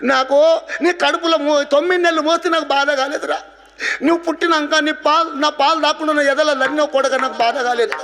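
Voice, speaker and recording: Male storyteller doing an elderly village mother with a Telangana accent, high and weepy. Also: fairly even intonation, brisk, sharp tone, exaggerated voice. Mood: tearful lament. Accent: Telangana Telugu. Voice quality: high, wailing, tearful. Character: grieving old village mother, tender and tearful. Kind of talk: devotional storytelling.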